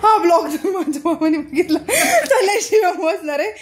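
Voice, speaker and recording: A woman's voice: extremely high pitch, moderate pace, echoey room, slight background noise. A young woman with a cold and cough, chatting and teasing playfully with her mother in a casual home vlog. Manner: playful, teasing, laughing often. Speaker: vlogger. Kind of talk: casual family vlog chat.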